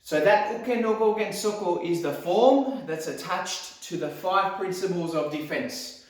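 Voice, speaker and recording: A man's voice: sits high, a little slow. A male karate instructor explaining techniques in a martial arts lesson. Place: echoey indoor room, voice some distance from the mic. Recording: very echoey hall, distant mic.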